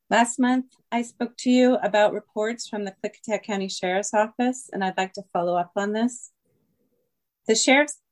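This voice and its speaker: A woman calling in to a meeting to give a prepared public comment, earnest and reading from notes with a few ums. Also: medium pitch. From Washington State. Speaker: caller. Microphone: phone call-in.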